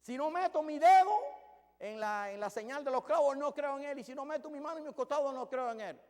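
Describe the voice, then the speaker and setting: A man voicing a stubborn, doubting male disciple who insists loudly, in a high, emphatic voice. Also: fairly quick, in a large hall. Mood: insistent. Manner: loud, high, emphatic demands.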